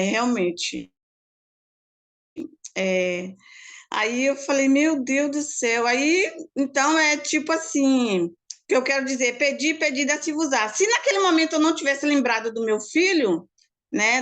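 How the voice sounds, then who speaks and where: A woman earnestly and quickly sharing a personal faith testimony, with frequent restarts. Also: high-pitched, fairly bright tone. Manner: fast, earnest storytelling with many restarts. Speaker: church group member sharing a testimony.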